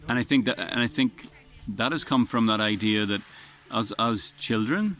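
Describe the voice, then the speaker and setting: Faint outdoor wind accompanies a male vlogger speaking from a beach in a casual reflective monologue. His strong voice is on the low side and fairly bright, at a moderate pace, and he wanders earnestly, frequently restarting what he's saying.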